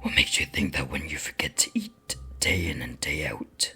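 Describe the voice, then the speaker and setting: Woman doing an ancient rasping whispering demon, very deep. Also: bright, forceful tone, full character voice. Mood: stern, gloomy. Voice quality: very low, breathy rasping whisper. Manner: pompous, slow, disdainful. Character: ancient gloomy male demon, scornful and menacing.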